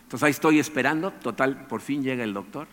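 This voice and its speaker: A man tells a personal story at a quick clip, his voice in a middle register. He is animated and keeps tagging phrases with "¿no?". The sound has a long reverb tail, as if he speaks in a large hall. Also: mid-range voice. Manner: animated, tags phrases with "¿no?", chuckles often. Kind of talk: anecdotal storytelling to an audience.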